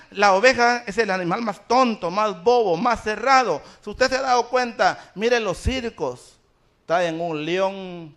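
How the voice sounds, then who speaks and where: A man's voice: high-pitched, a bit bright. A man. He throws rhetorical questions at the congregation and stacks repeated phrases. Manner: preaching with rising intensity, rhetorical questions to the congregation. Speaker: pastor. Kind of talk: sermon. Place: church.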